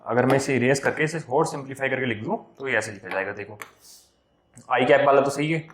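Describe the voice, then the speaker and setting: A man teaching vector algebra step by step for an entrance exam, slowing down as he reads out each term. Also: mid-range voice, reverberant. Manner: slows down when reading out terms, mixes English math words. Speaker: math teacher.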